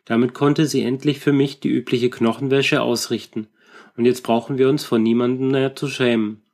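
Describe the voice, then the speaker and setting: A man reading a storybook, voicing a grateful male ghost with a soft, gentle voice. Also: mid-range voice, steady tone, normal speed, lightly acted.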